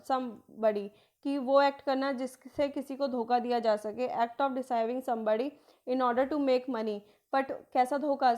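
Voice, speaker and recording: Higher-pitched woman teaching word meanings. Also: darkish tone. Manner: asks and answers her own questions, repeats key words; mixes in English phrases, slowing to read them out. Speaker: exam prep teacher. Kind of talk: explanatory lesson.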